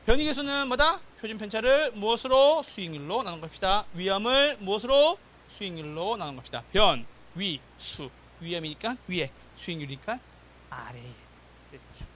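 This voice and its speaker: A male real estate exam lecturer gives a classroom lecture in a high, animated voice at a moderate pace. He checks in with "맞죠?" and "됐죠?" and acts out quotes.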